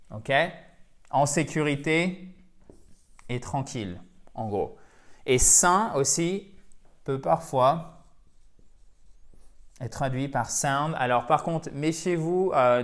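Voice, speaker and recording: A male language teacher with a slightly higher voice explains things in a chatty, playful way. He checks in with his listeners often as he goes, keeping the lesson relaxed. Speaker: English teacher.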